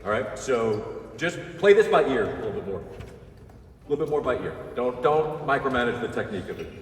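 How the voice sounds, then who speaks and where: Lively male conductor in an echoey hall. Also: medium pitch, a little hiss or hum. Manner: brisk, encouraging, sings rhythms on ba syllables and counts players in. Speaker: orchestra conductor. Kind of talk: orchestra rehearsal coaching. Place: large concert hall. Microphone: distant room mic. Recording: echoey concert hall from far off, orchestra behind.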